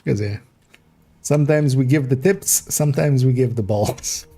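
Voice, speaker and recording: A man streaming a game, chatting casually in a rambling, relaxed way and laughing often. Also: mid-range voice, normal speed. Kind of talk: casual gameplay livestream chat.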